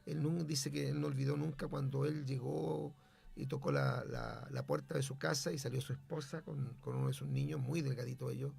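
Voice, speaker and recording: A man's voice: mid-range voice, moderate pace, creaky, a little mellow, breathy edge. A man, a pastor and radio host, telling a testimony in an emphatic, preacherly way. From Chile.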